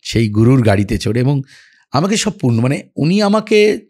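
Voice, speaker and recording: A man tells stories in a relaxed interview, reminiscing about his career. His voice sits at a middle pitch with a husky edge, and he acts out the lines he quotes. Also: moderate pace. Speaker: actor as podcast guest. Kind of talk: casual storytelling interview.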